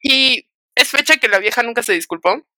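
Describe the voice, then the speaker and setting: A young Mexican woman talking in a bright, forceful voice, animated and slangy, with English words dropped in. The recording is close and dry, with no room sound. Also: on the high side, normal speed, no room sound. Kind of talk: casual chat, storytelling.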